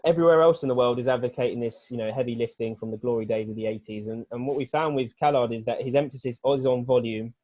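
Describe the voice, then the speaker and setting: A man's voice: mid-range voice, a little mellow, no echo. Earnest man explaining on a video call. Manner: earnest, rambling explanation with many restarts. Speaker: weightlifting coach, guest speaker.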